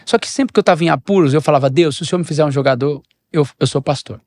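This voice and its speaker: Speaking very fast on a dry, studio-quality recording, a middle-aged Brazilian man who is a pastor shares a personal story during a podcast interview. He animates it by varying pitch and level and performing the dialogue.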